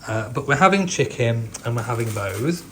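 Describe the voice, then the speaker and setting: A man's voice: medium pitch, lively intonation, moderate pace, sharp tone, slight background noise. A young adult man with an English accent, chatting casually in a self-deprecating, rambling way. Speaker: vlogger. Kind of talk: casual chat.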